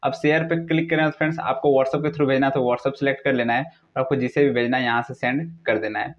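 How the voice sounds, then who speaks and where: In a dull, lo-fi recording, a young man narrates a casual tutorial step by step at a quick pace, his medium-pitched voice holding a steady tone. He repeats instructions often and slips English words into them.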